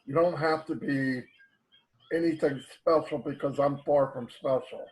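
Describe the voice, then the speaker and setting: A man's voice: a little high, steady tone, a little slow, low-quality recording. A man hosting a video call, talking in a reassuring, easygoing way. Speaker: host. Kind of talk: casual chat on a video call.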